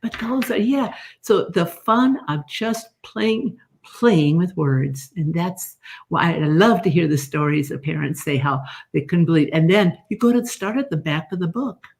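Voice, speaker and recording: A woman's voice: on the low side, measured pace. An older woman, a learning specialist, talking in a live interview and acting out lessons as she explains. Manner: animated storytelling, acts out teacher and child sounding out words. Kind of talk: live expo video interview.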